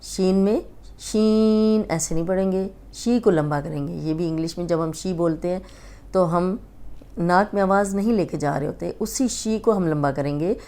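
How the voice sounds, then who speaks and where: Woman with a Pakistani Urdu accent, patient tajweed teacher, mellow and smooth, drawn-out letters. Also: lowish voice. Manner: patient, repeats and stretches each letter sound. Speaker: Quran reading teacher.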